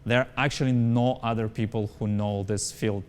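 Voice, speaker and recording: Here a non-native English speaker, a company founder in an interview, talks at a moderate pace in a lowish, steady, slightly mellow voice. He's emphatic, restates his points and keeps asking "right?", with faint background noise behind him.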